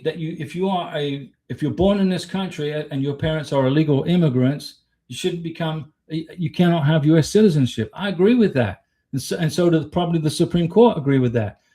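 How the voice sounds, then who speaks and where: A man from Florida, United States, hosts a laid-back livestream; his voice is on the high side with a dark tone. Opinionated and blunt, he stresses his points, poses rhetorical questions, and responds to viewers in chat.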